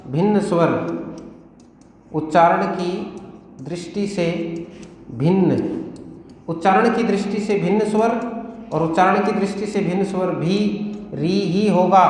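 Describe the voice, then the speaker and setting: A man with a fairly high voice and a Rajasthani Hindi accent teaches exam-prep grammar. He asks the class questions, answers them himself, and drills key terms over and over. The sound is very echoey, with a long reverb tail from the room. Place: coaching classroom.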